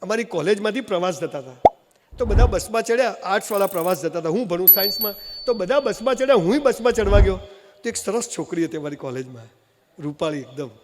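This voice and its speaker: High-voiced man giving a humorous motivational speech. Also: fairly quick. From Gujarat, India. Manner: animated storytelling, jokey asides. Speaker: motivational speaker. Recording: long hall reverb, faint noise.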